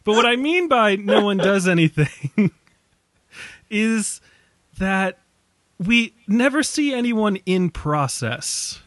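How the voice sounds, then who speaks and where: A man's voice: high voice, big pitch swings, slow, fairly bright tone, no echo, studio quality. A man casually discussing a film on a podcast, rambling and laughing often. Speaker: podcast co-host.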